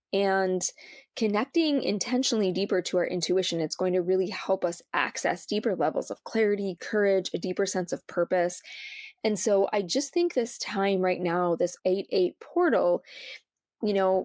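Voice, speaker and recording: A woman's voice: mid-range voice, a little mellow, dry recording, studio quality. A woman hosting a solo spiritual podcast from inside a small trailer, explaining and guiding the listener directly. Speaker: podcast host.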